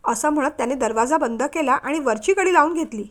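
A woman narrating a family story aloud in a steady, emotive reading. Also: sits high, fairly quick.

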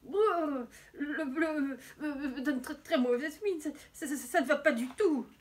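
Teacher lady putting on a grumpy big wolf from a picture book, high and swoopy, groans at everything. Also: very animated, slow. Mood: shivering. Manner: exclaiming, sighing at himself.

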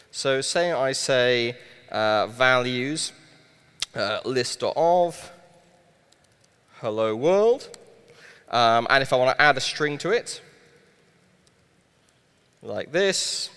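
A Welshman in his thirties live-codes on a large conference hall stage, explaining things with dry asides through a headset mic. His voice is medium-pitched, fairly bright and clean, carried by long hall reverb.

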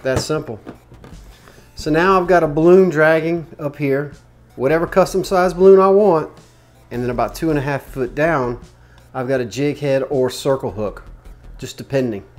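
A man's voice: a little high, moderate pace, faint music behind. A man in his forties, a fishing guide and show host, casually explaining step by step how to tie a rig in a small workshop, talking close to the camera. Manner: relaxed, chatty, explains step by step while tying knots. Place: small indoor tackle workshop.

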